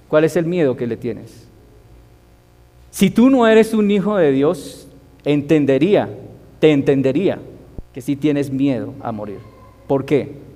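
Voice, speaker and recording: A man's voice: mid-range voice, warm tone, long reverb tail. A man teaching a Bible study as a sermon, asking his listeners rhetorical questions. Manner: asks the audience rhetorical questions.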